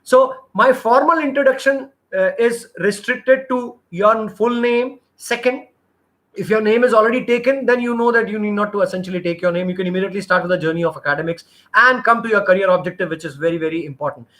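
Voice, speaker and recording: During a live session, an Indian interview trainer in middle age gives coaching to job applicants. He speaks a little fast in a high, somewhat bright voice, earnest and rambling, often starting his sentences over.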